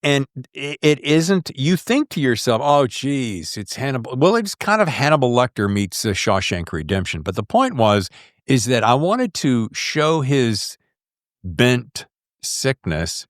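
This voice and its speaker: In a dry studio recording, a man with a mid-range voice speaks at a measured pace while interviewing an author on a casual podcast. He's animated and keeps slipping into performing his own thoughts aloud.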